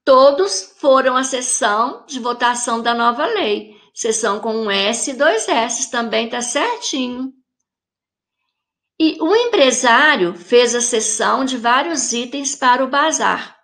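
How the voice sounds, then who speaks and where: A woman with a Brazilian Portuguese accent teaches children a recorded grammar lesson, explaining slowly and carefully to her pupils. Her voice is a little high, with lively intonation and a fairly bright tone.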